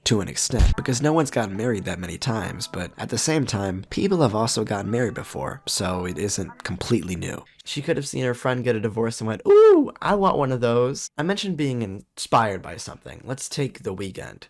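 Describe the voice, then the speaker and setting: A man's voice: fairly low pitch, lively intonation, a little fast, few pauses. A man narrating a comedic video essay, sarcastic and jokey, full of rhetorical questions.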